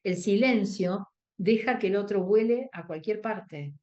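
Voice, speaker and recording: A woman's voice: mid-range voice, unhurried, mellow. Woman, Rioplatense Spanish accent, instructor, lecturing, acts out quoted lines, muffled lo-fi sound. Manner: explanatory, acts out quoted dialogue, asks the audience for agreement. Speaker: workshop instructor. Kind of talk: lecture on emotional first aid.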